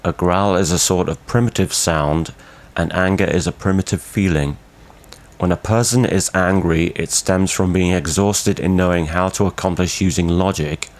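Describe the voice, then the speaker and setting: A man narrating a scripted vocal tutorial in a formal, measured, explanatory way. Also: low-pitched. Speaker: growling tutorial instructor.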